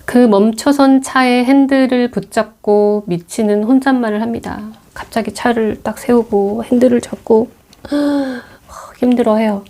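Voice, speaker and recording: Middle-aged woman chatting through a movie plot, mellow warm tone, lots of fillers. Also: on the high side, steady tone, normal speed, few pauses. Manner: chatty, many fillers, acts out quotes. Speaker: movie mentor retelling films. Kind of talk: audio film retelling.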